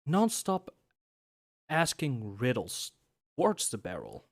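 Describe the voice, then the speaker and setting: A man narrating a tabletop game as game master, pausing often with fillers. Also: mid-range voice, wildly swooping pitch, vocal fry. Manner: measured, with frequent pauses and fillers.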